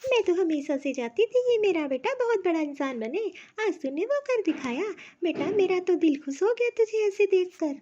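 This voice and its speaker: A woman voicing a gentle old village mother-in-law. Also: extremely high pitch, expressive, normal speed, few pauses, no room sound. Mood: affectionate. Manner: homely, affectionate, rustic talk. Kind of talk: cartoon voice acting. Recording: dull, dry lo-fi recording.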